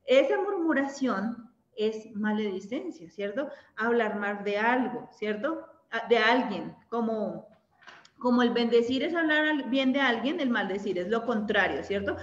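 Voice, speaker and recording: A woman's voice: fairly high pitch, expressive, measured pace. A woman with a Colombian accent leading a women's Bible study, speaking conversationally and often checking in with her listeners. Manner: conversational, ends points with tag questions. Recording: echoey room, dull lo-fi sound.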